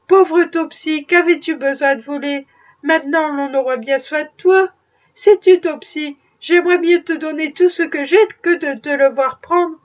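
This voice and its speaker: Woman voicing a sweet gentle little girl, soft kind tone, high voice, far-off dull sound. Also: normal speed, hardly any pauses. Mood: tender. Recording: dull distant recording.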